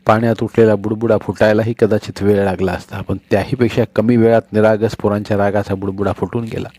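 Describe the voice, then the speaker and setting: A man narrating a storybook in a steady, expressive reading. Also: lowish voice, fast, no room sound.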